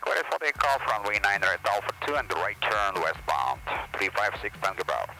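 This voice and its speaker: A man's voice: fairly low pitch, expressive, normal speed, gravelly, music in the background, rough recording. A male pilot making clipped radio calls to the tower through his cockpit headset. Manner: clipped radio phrasing with call signs. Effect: pilot talking through a cockpit headset.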